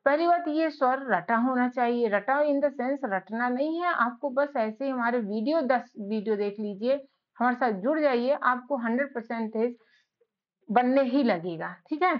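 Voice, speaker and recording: Female teacher, high voice, patient, spells letter by letter, muffled lo-fi sound. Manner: patient, repeats and checks with "ठीक है?"; spells letters out slowly, one by one. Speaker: English teacher. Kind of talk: beginner English lesson.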